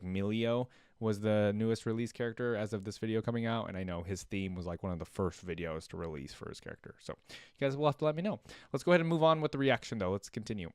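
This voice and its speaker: Music plays behind a video host as he offers loose, off-the-cuff reactions, thinking out loud and using lots of fillers. His voice is low, clear, and resonant. The sound is studio quality with no echo.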